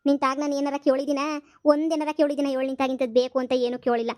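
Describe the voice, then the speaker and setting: A woman's voice: high voice, little pitch movement, fast talker, dark tone, no room sound, lightly acted. A woman voicing a scheming elderly village mother-in-law who pleads and guilt-trips. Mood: pleading. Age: older. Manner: rustic village dialect, whining guilt-tripping.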